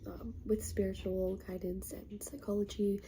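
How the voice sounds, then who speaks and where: Sick with a cold, a woman speaks in a stuffy, congested half-whisper, soft and hesitant, her medium-pitched voice delivered flatly. As a tarot reader she gives a casual spiritual talk, pausing on many ums and sounding self-conscious about how she sounds, with a noisy background behind her.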